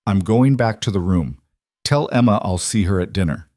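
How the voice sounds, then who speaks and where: A man's voice: on the low side, lively intonation, normal speed, a little mellow, no echo, clean studio sound, natural voice. Man voicing a scared tearful businesswoman. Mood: pained.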